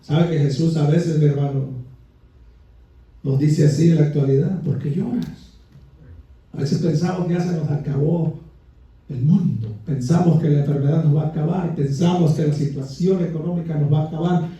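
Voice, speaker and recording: A man's voice: a little high, fairly even intonation, normal speed, dark tone. A man preaching a Pentecostal sermon with fervent delivery, often calling his listeners brother, heard from some distance in a church. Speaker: pastor. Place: church sanctuary. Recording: echoey church from far off.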